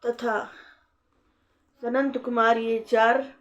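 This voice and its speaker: Slow, measured woman storyteller. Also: fairly high pitch, little pitch movement. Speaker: devotional storyteller. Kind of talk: scripture narration. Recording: dull lo-fi recording.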